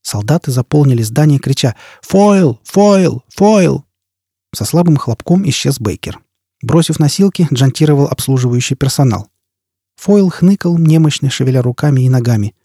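Dark husky male narrator. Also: medium pitch, fairly quick, no room sound, clean studio sound. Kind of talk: audiobook narration.

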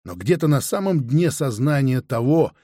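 A man's voice: medium pitch, moderate pace, dry recording. Man narrating an audiobook, dry sound. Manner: steady first-person storytelling.

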